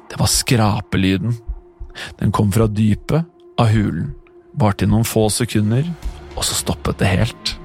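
Man narrating a tense horror tale. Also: mid-range voice. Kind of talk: scripted first-person horror narration.

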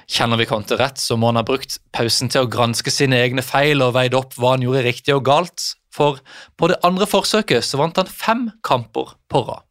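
A man reads a scripted narration briskly and matter-of-factly. His voice sits fairly high, and it is recorded dry and close. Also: fairly bright tone, no room sound.

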